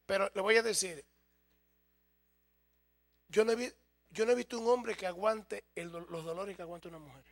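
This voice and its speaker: A man's voice: sits high, normal speed, long pauses. A man preaching a sermon as a pastor, humorous and speaking straight to his congregation.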